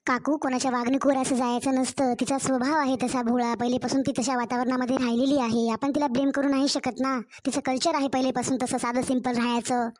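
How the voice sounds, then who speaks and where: A woman voicing a calm, soothing young neighbour in a cartoon story, with a Marathwada Marathi accent. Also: high-pitched, fast talker, lightly acted.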